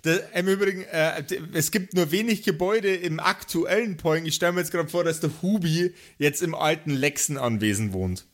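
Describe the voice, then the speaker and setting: Acting as game master, a man narrates an improvised tabletop game in a playful, colloquial style over background music. His voice is a little high, moving at normal speed with hardly any pauses.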